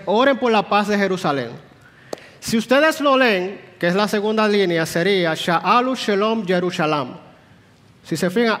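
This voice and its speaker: A man teaching a Sunday school class in a church, explaining patiently and putting questions to the room. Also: high voice. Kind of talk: church Bible class lecture. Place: church hall. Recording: long hall reverb.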